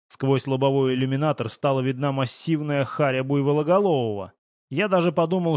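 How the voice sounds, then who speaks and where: A man reading a first-person novel aloud in a steady, even storytelling voice. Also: on the high side, no room sound, clean studio sound. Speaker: audiobook narrator. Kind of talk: scripted first-person audiobook narration.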